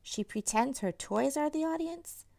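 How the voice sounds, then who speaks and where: A woman who writes children's books reads a picture book aloud expressively, breaking off for chatty asides to young listeners. Her voice is high and gravelly at a measured pace, animated and directly addressing the kids, with no echo.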